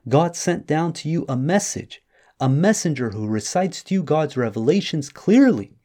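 Man, podcast host, measured scripture reading, warm dark timbre. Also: fairly high pitch, lively intonation. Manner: measured, reads verses aloud and then explains them. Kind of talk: religious study talk.

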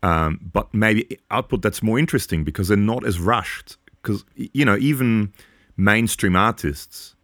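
A man's voice: lowish voice, a little slow, fairly bright tone, dry recording, clean studio sound. A man in his forties co-hosting a podcast, giving earnest, long, rambling opinions in casual chat. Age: 40s. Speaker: podcast co-host.

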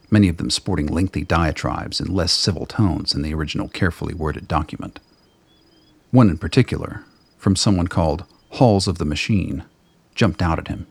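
Delivering scripted narration for a radio drama, this man has a low, gravelly, husky voice and a measured, literary way of telling the story. The recording is dry.

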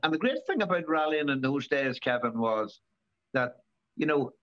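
A man in his seventies, a former rally driver, talking in a casual interview, halting and repeating words with many fillers. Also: medium pitch, animated. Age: 70s. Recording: dull lo-fi recording.

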